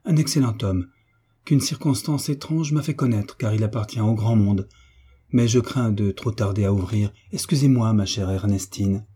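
A man's voice: on the low side, normal speed, warm tone, husky. A man voicing a proud, grieving young orphan woman in an audiobook, pleading through tears. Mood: gentle. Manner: sorrowful, tearful pleading. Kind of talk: audiobook reading.

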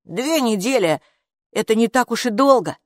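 A storybook young boy, clever and cocky, matter-of-fact in every reply, as a woman narrator reads him. The voice is only a little higher than the reader's own, in a dry recording. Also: animated, normal speed, no echo, natural voice. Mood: confident. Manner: matter-of-fact, know-it-all.

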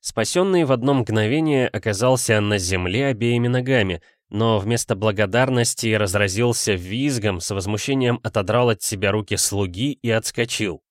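A man reading a story aloud as narrator in a measured, even way. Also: lowish voice, no room sound, clean studio sound. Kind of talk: audiobook narration.

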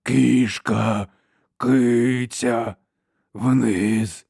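A man's voice: mid-range voice, steady tone, vocal fry, darkish tone, breathy edge, dry recording, studio quality, heavily acted. A man playing a hulking, childlike brute. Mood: halting. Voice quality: harsh, cracked voice. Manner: slow, halting single words. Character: huge lumbering male creature, childlike, slow-witted.

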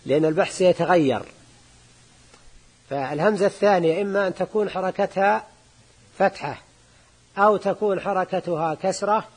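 A sheikh teaching a grammar lesson, his voice sitting fairly high for a man with a husky edge to it. He works through the text patiently, repeating key words slowly and tossing quick questions to his students. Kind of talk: classroom lecture explaining a grammar text.

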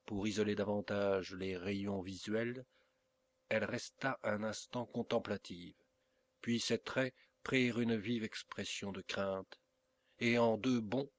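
A man reading a novel aloud as an audiobook narrator, in a measured, expressive way. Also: lowish voice. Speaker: audiobook reader.

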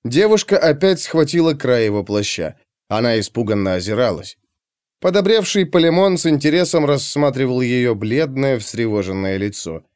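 A man narrating an audiobook in a scripted, expressive, dramatic storytelling manner. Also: mid-range voice, normal speed, clear, resonant tone, dry recording, clean studio sound.

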